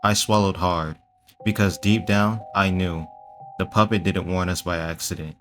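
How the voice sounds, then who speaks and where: A man telling a first-person horror story in a hushed, suspenseful voice with dramatic pauses. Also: low voice, steady tone, soft background music. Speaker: storyteller and voice actor.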